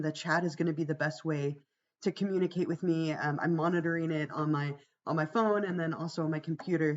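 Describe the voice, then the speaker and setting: A woman instructor with a gravelly voice, worn by a cold and a week of talking, giving an informal, reassuring class orientation on a livestream. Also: fairly low pitch, dull audio. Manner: reassuring, conversational. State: fighting a cold, voice strained from much talking. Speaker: college psychology instructor.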